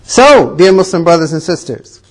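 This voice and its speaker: A man preaching to a congregation, giving an animated retelling of a story with reverent honorifics. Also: fairly high pitch, moderate pace. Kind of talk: sermon storytelling.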